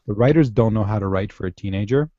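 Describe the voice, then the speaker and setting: A man co-hosting a casual fan discussion podcast, talking in halting, animated bursts with restarts. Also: fairly low pitch. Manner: animated, halting restarts, quotes lines in a raised voice. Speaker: podcast co-host. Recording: dull lo-fi podcast audio.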